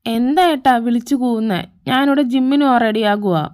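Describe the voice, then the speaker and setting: A cheeky young man who gushes and sidesteps questions, as a woman reads him in a fan fiction audio story. The voice is fairly high and playful in manner. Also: a little fast, a little mellow, no room sound, studio quality, lightly acted. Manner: cheeky, gushing, evasive. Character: cheeky, gushing younger brother.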